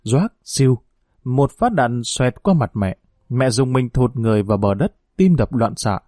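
A man narrating a war story in steady, storytelling audiobook style. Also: medium pitch, moderate pace, no echo, clean studio sound.

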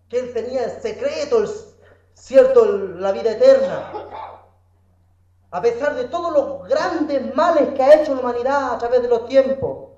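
Fervent high-voiced male preacher in an echoey hall. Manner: fervent, swinging from hushed to shouted. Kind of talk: impassioned sermon. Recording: echoey, dull sound from a distant mic.

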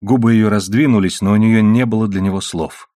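A man narrates an adventure novel for an audiobook in a low, even voice. The sound is close and dry, with no room around it. He keeps a steady storytelling pace. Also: a little fast, no room sound.

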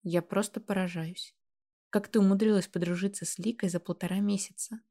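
A woman reading the lines of a thoughtful grown man, a father, speaking calmly and with curiosity. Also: medium pitch, brisk, lightly acted. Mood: wondering.

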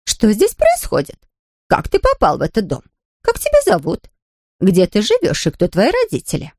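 A woman voicing a fussy, stern housekeeper in a storybook reading, speaking in a high, shrill, scolding tone. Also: huge pitch swings, moderate pace, darkish tone, dry recording, studio quality.

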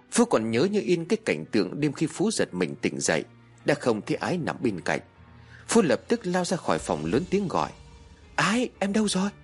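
A man reads a horror story with a dramatic, expressive delivery. His husky voice moves lively up and down in pitch. Soft music plays underneath the narration.

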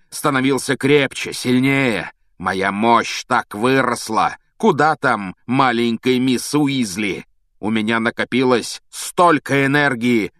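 A man voicing a sinister teenage wizard who speaks in a smooth, unhurried, coolly mocking way. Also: mid-range voice, a bit bright, dry recording, pitched above the performer's own voice, natural voice. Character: sinister teenage boy wizard, calm and cruel. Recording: dry close audiobook sound.

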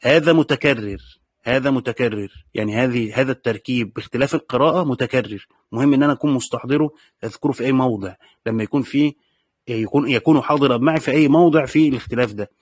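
A man with an Egyptian accent teaching a classical text, repeating key phrases, reading quotations slowly and checking with the class through short questions. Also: mid-range voice, no room sound, clean studio sound. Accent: Egyptian Arabic. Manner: reads quoted passages slowly.

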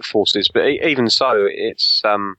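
A man's voice: lowish voice, measured pace, sharp tone, no echo, highs cut off. A man co-hosting a casual podcast chat, jokey and hesitant, with lots of ums and restarts. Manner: hesitant, many fillers, jokey. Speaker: podcast co-host.

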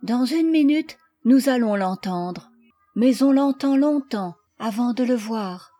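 A woman's voice: a little high, expressive, slow, warm tone, soft background music, pitched above the performer's own voice. A woman reading aloud, voicing an eager, clever young male boatman in an earnest, pleading way.

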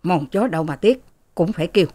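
A woman's voice: on the low side, brisk, warm tone, natural voice. A woman voicing a bossy, harsh rich mistress who scolds her servants in a haughty manner, in a storybook reading. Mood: scolding.

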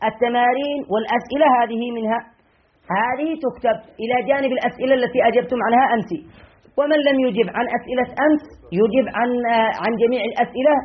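A man teaching a classroom grammar lesson as a sheikh, questioning his students and repeating key phrases slowly. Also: very high-pitched. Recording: tinny lo-fi lesson recording.

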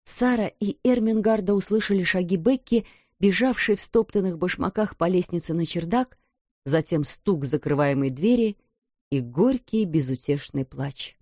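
Female storybook reader, measured and calm; dry close mic, dull audio. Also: lowish voice, dry recording. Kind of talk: scripted storybook narration.

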